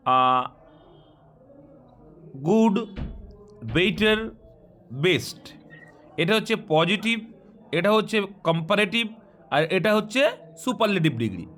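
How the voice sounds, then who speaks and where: A man's voice: high voice, lively intonation, slow pace, long pauses, a bit bright. A man teaching an English grammar lesson in speech, explaining step by step and quizzing his students.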